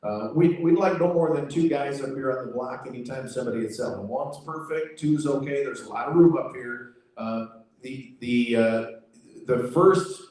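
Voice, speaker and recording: A man's voice: mid-range voice, normal speed, darkish tone. An American man giving an informal spoken briefing as an event organizer, in a folksy, reassuring and repetitive manner. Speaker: auctioneer contest organizer. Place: livestock sale arena. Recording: very echoey hall, distant PA sound.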